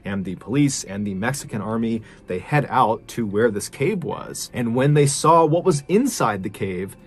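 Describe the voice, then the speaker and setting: A man tells a scary story at a steady middle pitch, piling on suspense. His narration is dramatic and keeps the tension climbing. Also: moderate pace. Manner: suspenseful, builds tension with repetition.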